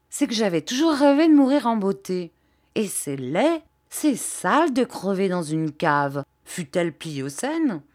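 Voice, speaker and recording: Audiobook character: a tough, wry woman adventurer, read by a woman, blunt and low-pitched.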